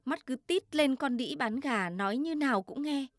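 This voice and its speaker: A woman voicing a nagging village wife who loudly scolds her husband, in a storybook reading. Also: high voice, lively intonation, normal speed, no room sound, studio quality, pitched above the performer's own voice. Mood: scolding. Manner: loud, complaining and scolding.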